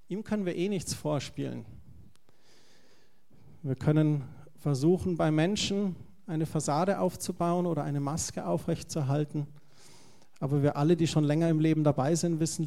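A male pastor preaching with an earnest, direct manner. His voice is a little high for a man, yet dark and mellow in tone. It has a gravelly edge running through it. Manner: earnest, direct address to the congregation. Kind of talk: sermon.

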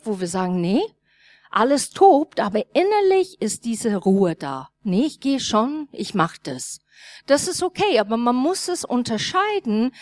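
Her voice sits on the high side as this woman pastor, 30s or older, tells a personal story mid-sermon, animating each line of dialogue. Small non-native grammar slips surface, and no room sound can be heard.

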